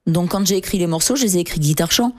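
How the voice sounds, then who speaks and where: A woman musician, a guest on a radio show, telling stories about her songs in a relaxed way with small hesitations. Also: lowish voice, racing. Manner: relaxed storytelling with fillers. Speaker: singer and guitarist guest. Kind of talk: casual radio interview.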